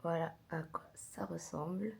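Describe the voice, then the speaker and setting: A woman's voice: fairly low pitch, steady tone, unhurried, gravelly, a little hiss or hum. A woman in her twenties chatting casually in a home vlog, rambling and mixing in English words. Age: 20s. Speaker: vlogger.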